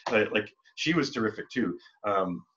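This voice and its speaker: A man's voice: lowish voice, animated, moderate pace, a crowd in the background. A man, a band member, chatting in an interview, rambling with many restarts and acting out quoted exchanges. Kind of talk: casual interview talk. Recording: dull lo-fi recording.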